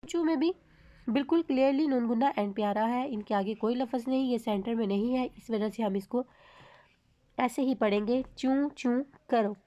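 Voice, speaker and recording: A woman with a Pakistani Urdu accent teaching a grammar lesson, explaining patiently and drawing out each example word slowly. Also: on the high side, dark tone. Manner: explains slowly, reads example words drawn out.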